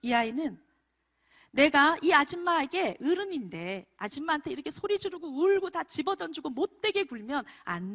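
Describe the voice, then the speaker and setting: A woman preacher tells a story from the pulpit with an animated, very lively melody. Her voice sits slightly high, and she keeps turning to the congregation as she speaks. The style is a heartfelt storytelling sermon. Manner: animated storyteller, often addressing the congregation directly. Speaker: missionary preacher. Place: church prayer meeting.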